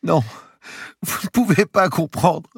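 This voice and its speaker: A man's voice: fairly high pitch, normal speed, creaky, dark tone, husky, no echo, studio quality, voice pushed up, heavily acted. A man reading the part of a grieving young woman, crying and pleading through her tears. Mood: anguished. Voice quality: tearful and pleading. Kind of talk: audiobook character reading.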